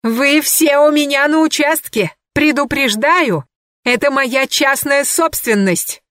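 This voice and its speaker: A woman doing a drunk woman yelling slowly. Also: sits high, no room sound, studio quality, voice pushed up. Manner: drunken, drawn-out shouting. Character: drunk, half-dressed woman yelling at intruders.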